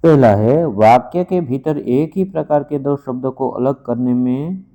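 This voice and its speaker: A man teaches to camera in a middle-pitched voice. He repeats points and restarts words as he works through them. The recording sounds dull and slightly lo-fi. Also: a little slow. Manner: repeats itself, with fillers and self-corrections. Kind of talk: lesson to camera.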